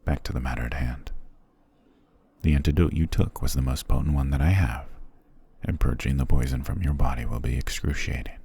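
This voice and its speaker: In a fantasy ASMR roleplay, a man plays an ancient vampire patriarch, imperious and possessive, speaking formally in a commanding, measured way. His voice is very deep, gravelly, breathy and mellow, with a little hiss or hum in the recording.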